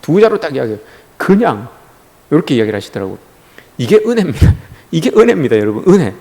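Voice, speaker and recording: Animated pastor preaching in a reverberant church. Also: male voice, a little high, fast. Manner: animated preaching, addresses the congregation directly, often says "여러분". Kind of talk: sermon. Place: church sanctuary. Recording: long church hall reverb.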